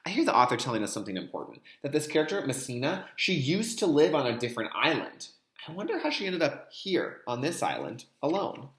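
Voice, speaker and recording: A kindergarten teacher reads a picture book aloud, his mid-range voice very animated, a little fast and a bit bright in a reverberant room. He teaches the young children by speaking to them directly, explaining as he goes and repeating key terms.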